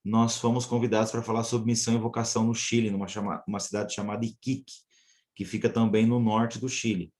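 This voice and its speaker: A male missionary telling his church about his calling in an earnest, measured way. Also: lowish voice, level tone, a little mellow. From São Paulo state, Brazil. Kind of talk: church testimony.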